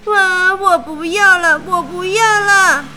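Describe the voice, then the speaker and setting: A woman's voice: slow, heavy background noise. A woman voicing a spoiled little princess girl who sobs and wails shrilly. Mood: wailing. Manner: sobbing, shrill, loud wailing.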